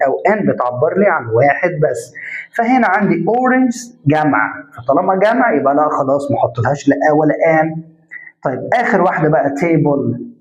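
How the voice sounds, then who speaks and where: A man with an Egyptian Arabic accent teaching a grammar lesson step by step, putting questions to the class and answering them himself, and stretching out example sounds. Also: on the high side. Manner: drawn-out spoken examples. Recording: echoey room, dull lo-fi sound.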